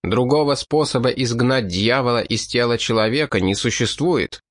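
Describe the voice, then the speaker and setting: A man reading an audiobook, voicing a hateful, zealous old priest who accuses and threatens in a shrill, hysterical way. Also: moderate pace, no room sound, close to an everyday voice. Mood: cold menace.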